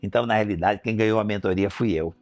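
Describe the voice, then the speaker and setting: A man's voice: on the low side, fast talker, no echo, soft background music. A middle-aged Brazilian man, an entrepreneur, telling a heartfelt personal story with emotion and acting out remembered conversations. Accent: Brazilian Portuguese. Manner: emotional, acts out remembered dialogue.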